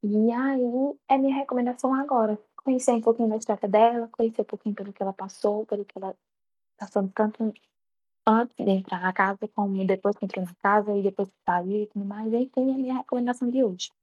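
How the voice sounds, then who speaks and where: A young adult woman in a relaxed, self-mocking casual chat. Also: mid-range voice, fast talker, no room sound, lo-fi sound.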